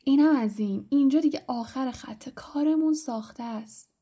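A woman's voice: high-pitched, mellow, pitched above the performer's own voice, lightly acted. A woman voicing a blunt, grumbling schoolboy.

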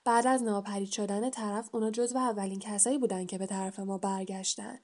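A woman's voice: medium pitch, fairly even intonation, darkish tone, natural voice. A woman reading as a blunt red-haired schoolboy. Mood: secretive. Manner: blunt, indignant. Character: red-haired schoolboy from a poor big family.

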